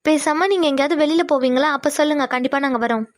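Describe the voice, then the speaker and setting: Woman doing a polite, hesitant young girl, high and quick. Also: no echo, studio quality, natural voice.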